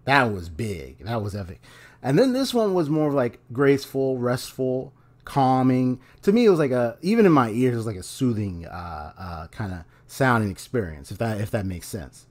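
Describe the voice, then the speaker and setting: In a small room indoors at home, a young video game reaction YouTuber talks into a stand-mounted desk mic while reacting to a game trailer. He has a medium-pitched voice at a moderate pace, and he sounds relaxed, rambling and hesitant, restarting often.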